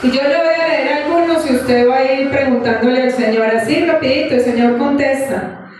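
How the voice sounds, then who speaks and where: A woman preacher delivering an animated sermon, asking the congregation questions. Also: sits high, normal speed, a little hiss or hum. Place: church hall. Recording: echoey church from far off.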